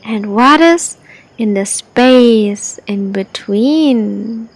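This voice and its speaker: A woman guides a sleep meditation, offering gentle instructions in short, deliberate phrases with pauses between them. Her voice is a little high, and the rough recording has no room sound.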